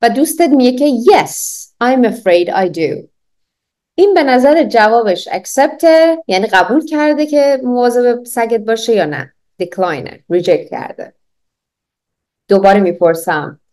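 A woman gives an online English lesson, drilling phrases for learners to repeat and slowing down to model them clearly. She laughs often, and her voice is fairly high, animated and a little mellow.

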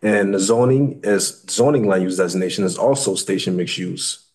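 A man's voice: sits low, normal speed, darkish tone. A man in his thirties with an American accent, giving a formal presentation as a city planner, often repeating and correcting his words. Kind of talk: formal slide presentation at a public meeting. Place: indoor meeting room at a table.

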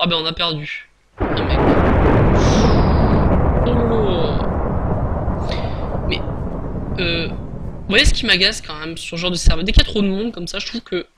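A man's voice: high voice, moderate pace, pauses often, noisy background. A man giving casual, chatty gameplay commentary, hesitant with many fillers and restarts. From France. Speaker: gaming YouTuber.

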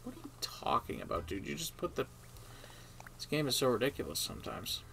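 A man streams a video game and mutters dry, sarcastic complaints at it, mostly to himself. His voice is gravelly and swings widely in pitch. Faint keyboard typing sits behind him. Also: sing-song, fairly quick, fairly bright tone, slight background noise. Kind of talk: casual gameplay commentary.

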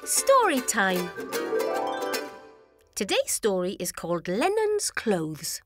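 A woman narrating a preschool cartoon story in a slow, sing-song, encouraging way. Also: medium pitch, wildly swooping pitch, music in the background. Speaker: storyteller and presenter.

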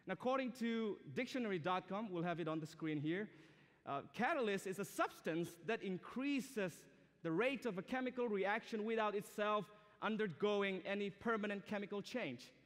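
The voice sits high and moves at normal speed: a young guest preacher from Myanmar, speaking English though his first language is from Myanmar. He addresses students politely, earnestly and conversationally. It's recorded in a reverberant hall on a large indoor auditorium stage.

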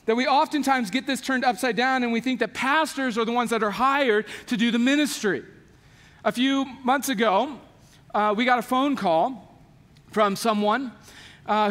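A man preaches a sermon in an easygoing, explanatory way, his voice sitting unusually high for a man. His words ring out with the long reverb of a church hall. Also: a bit bright. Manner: conversational teaching, explaining scripture with everyday examples. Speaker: pastor.

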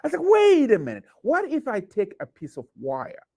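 A middle-aged man from Zimbabwe tells children a story in a very lively, sing-song way, jumping high for sound effects and dropping low for asides. The sound is close and dry, recorded in a small studio at a table. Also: normal speed, creaky, no room sound. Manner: animated, playful sound effects, big pitch swings. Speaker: artist and youth presenter. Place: studio with painted backdrop.

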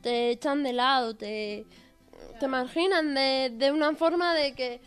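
A woman's voice: high-pitched, unhurried, faint music behind. A woman in her twenties with a Spanish accent, a participant, searching for words and repeating herself. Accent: Spanish from Spain. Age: 20s. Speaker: program participant.

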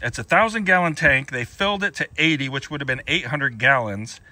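A man's voice: mid-range voice, a little fast, dry recording. A man in his forties with an American accent, chatting casually as he walks a homestead tour, filmed outdoors on a phone held at arm's length. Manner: relaxed, chatty, explaining as he goes. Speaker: homestead vlogger. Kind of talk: casual walking tour vlog.

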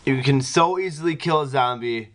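A man's voice: mid-range voice, normal speed, fairly bright tone. A man chatting casually in a daily vlog, rambling and filling his talk with "like". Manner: rambling, heavy on "like" fillers. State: just woken up. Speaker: vlogger.

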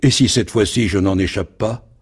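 Brooding sea captain, read by a man: low, grumbling, husky. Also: moderate pace. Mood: grim.

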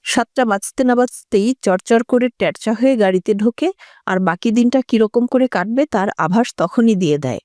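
Lady narrating a story for students, warm mellow voice, dry close sound. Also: on the high side, moderate pace, no room sound. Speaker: reader of a textbook story. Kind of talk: scripted narration.

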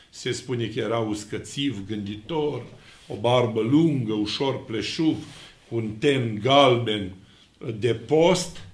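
Inside an echoey church hung with icons, a middle-aged priest from Romania preaches emphatically, drawing out stressed words and moving his hands animatedly. His voice is mid-range, captured by a fixed camera framing him in mid shot.

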